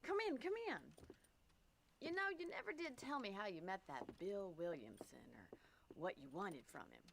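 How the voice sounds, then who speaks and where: A woman voicing a spirited young ranch woman in a video game, talking in a brisk, friendly, teasing way. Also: medium pitch, sing-song, vocal fry, fairly bright tone, slight background noise.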